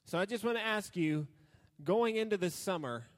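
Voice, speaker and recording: A young man preaching to a youth group in a relaxed, joking way. His voice sits a bit high, and his words ring out with a long reverb in a big church hall. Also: moderate pace. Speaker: youth pastor. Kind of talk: casual youth sermon.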